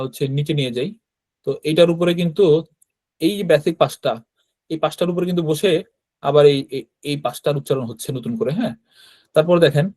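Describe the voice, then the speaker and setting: Teacher, male, Bangladeshi Bengali accent, patient explainer, slightly high voice, dry close recording. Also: darkish tone, no echo. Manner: explains patiently, often checks in with "right?". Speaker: Japanese language teacher. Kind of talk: online class with screen sharing.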